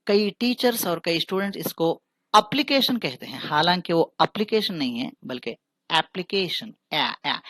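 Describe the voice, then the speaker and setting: A man teaching English pronunciation who asks the listener questions, answers them himself, and drills each word slowly by repeating it. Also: high voice, a bit bright, no room sound. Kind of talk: recorded pronunciation lesson.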